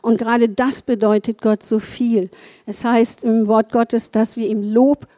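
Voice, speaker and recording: A woman's voice: a little high, level tone, measured pace, mellow. A middle-aged woman preaching a sermon in an earnest way, repeating phrases and tagging her sentences with "ja".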